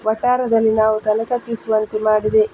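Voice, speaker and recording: A woman voicing a harsh, accusing middle-aged stepmother in a storybook reading, with a sharp manner. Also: a little high, level tone, moderate pace, lightly acted. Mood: scolding. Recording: dull lo-fi with faint hiss.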